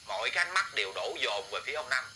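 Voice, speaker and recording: Male storyteller, very bright sharp voice, repeats himself, chatty, faint background noise. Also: mid-range voice, expressive, fast talker, rough recording. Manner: rambling with many repeated words, addresses listeners directly. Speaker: ghost story vlogger. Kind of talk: casual oral storytelling.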